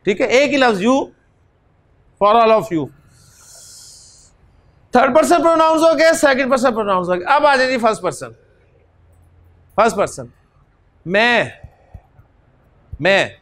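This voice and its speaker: A man with a very high voice leads a classroom lesson. He works through recitation drills patiently and repeats each item. He often adds a polite "ji" as he speaks to his students. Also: very animated, unhurried, long pauses, fairly bright tone. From Pakistan. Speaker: teacher.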